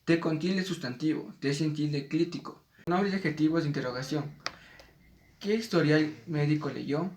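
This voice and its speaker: A man reads out a spelling lesson in a measured way and slows down for the example words. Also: fairly high pitch, darkish tone, far from the mic, a little hiss or hum. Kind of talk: reading a spelling lesson aloud. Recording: echoey room, voice off-mic.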